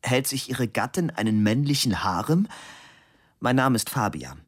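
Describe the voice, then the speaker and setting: Ein Mann, der in einer Hörbuchlesung einen gereizten, empörten Mann in den Dreißigern spricht. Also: male voice, mid-range voice, big pitch swings, normal speed, slightly rough, voice pushed up. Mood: indignant. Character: indignant man in his thirties.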